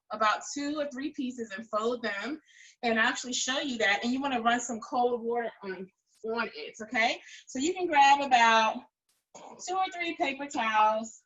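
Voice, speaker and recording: This kids' cooking school teacher and host has a high, slightly bright voice, captured on poor audio. She guides children through each step of a recipe, cheering them on and saying the key phrases more than once.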